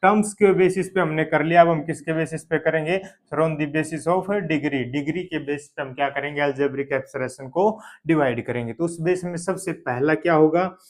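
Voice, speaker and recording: A man with a somewhat high voice teaches a math lesson for exam preparation. He asks the class questions, then answers them himself as if he were a student. He drills key terms again and again. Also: a little fast, hardly any pauses. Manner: repeats key terms, praises with "very good".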